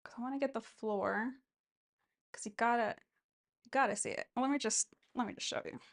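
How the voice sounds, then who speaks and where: Woman with gravelly, crackling vocal fry, rambling casually. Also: on the high side, normal speed. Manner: rambling, thinking aloud. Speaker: vlogger. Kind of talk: casual, rambling self-filmed chat while cleaning.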